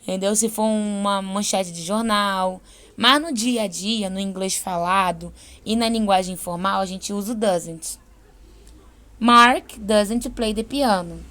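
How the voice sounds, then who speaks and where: A young adult woman with a Brazilian accent teaching an English class, explaining patiently and slowing down for example sentences. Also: mid-range voice, steady tone, a bit bright. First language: Portuguese. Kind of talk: online class lesson.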